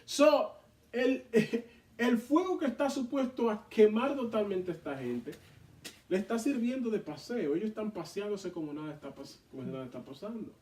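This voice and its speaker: A man leading a Bible study, reading scripture aloud and explaining it in an animated way to a responding group. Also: high-pitched, normal speed. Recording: echoey room, mic far off.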